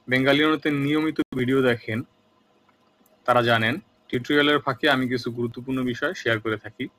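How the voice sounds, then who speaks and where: A man teaching a vocabulary lesson, reading each word twice slowly and asking listeners to repeat aloud after him. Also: mid-range voice, pushed and bright. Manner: reads each word twice, slow and emphatic. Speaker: language teacher. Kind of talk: Italian lesson taught in Bengali.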